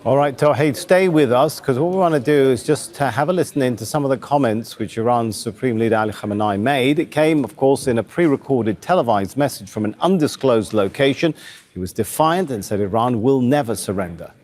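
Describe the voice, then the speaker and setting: A man's voice: medium pitch, brisk, darkish tone. A male news anchor delivers scripted news. His voice sits in the middle range for a man, and he speaks in the structured way of a bulletin presenter.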